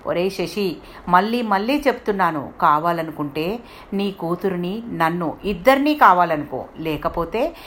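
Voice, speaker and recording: A woman's voice: lowish voice, sing-song, moderate pace, fairly bright tone, a little hiss or hum. A woman voicing a stern mother who scolds her grown son emphatically in a spoken story. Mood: angry.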